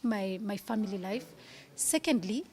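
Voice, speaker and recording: A woman's voice: mid-range voice, animated, normal speed, darkish tone. A woman in her thirties, speaking candidly as an interview guest, earnest and at times dropping to a whisper.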